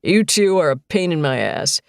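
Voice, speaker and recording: A woman doing a gruff teasing rancher man. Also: low-pitched, lively intonation, moderate pace, no echo, studio quality.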